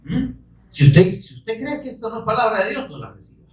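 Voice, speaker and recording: A man preaching a sermon who bursts into shouting and presses listeners with rhetorical questions. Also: high voice, big pitch swings, a little fast, reverberant, distant mic, rough recording. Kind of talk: evangelical sermon.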